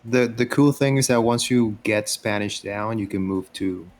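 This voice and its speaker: A man's voice: lowish voice, moderate pace. A man in casual chat, easygoing and agreeable, with many fillers. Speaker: guest.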